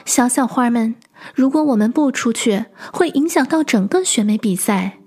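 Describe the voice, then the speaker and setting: A woman voicing a shy, anxious little female flower in a children's storybook, speaking in a high, childlike, breathy voice. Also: lively intonation, normal speed, darkish tone, faint music behind. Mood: encouraging.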